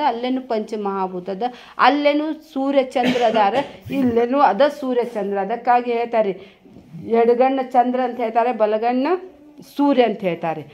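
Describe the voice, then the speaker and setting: A woman giving a devotional talk, telling folksy stories and addressing listeners with "ri". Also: on the high side. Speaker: spiritual speaker. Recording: slightly dull lo-fi recording.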